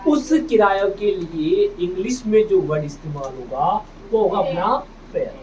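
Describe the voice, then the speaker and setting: In a noisy classroom, picked up from a distance with a dull sound, a man drills English phonics, repeating each word, asking the students to say it back, and calling them "beta." His voice sits high and a little mellow, with lively intonation and a moderate pace.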